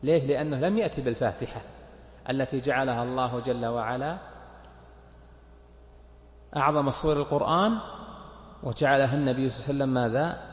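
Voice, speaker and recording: A man's voice: medium pitch, fast talker, pauses often. A man, a sheikh, explaining a legal text to his students, counting points aloud and asking them questions. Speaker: sheikh teaching a fiqh text. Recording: echoey hall with long reverb.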